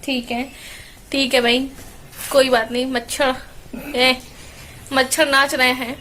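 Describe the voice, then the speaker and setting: High-pitched young woman, casual family vlog, chatty and playful, faint hiss behind. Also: flat delivery, slow pace, sharp tone. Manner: chatty, playful with a small child. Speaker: vlogger.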